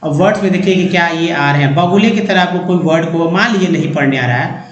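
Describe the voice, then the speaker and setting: A man's voice: fairly high pitch, fast. A man teaching English reading, spelling out letters and then sounding out each word part, one by one. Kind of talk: phonics lesson, explaining word parts. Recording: echoey, dull lo-fi room sound.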